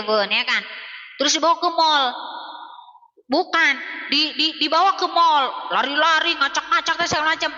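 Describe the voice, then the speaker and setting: High bright-voiced Sundanese woman preacher. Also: in a large hall, highs cut off. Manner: chatty and emphatic, often addressing listeners as Bun; acts out scolding mothers in little voices. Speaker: female Islamic preacher. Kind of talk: informal religious advice talk on a live stream. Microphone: phone on a live stream.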